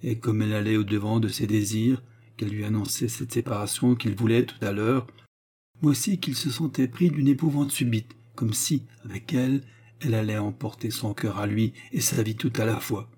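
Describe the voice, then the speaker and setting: A man narrating a classic novel as an audiobook, reading in a dramatic, expressive way. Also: fairly low pitch, moderate pace, husky.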